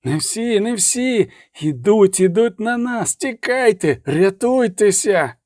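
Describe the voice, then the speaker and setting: A man voicing a terrified knight shouting that the enemy is coming. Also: high-pitched, animated, slow pace, no echo, studio quality, pitched above the performer's own voice.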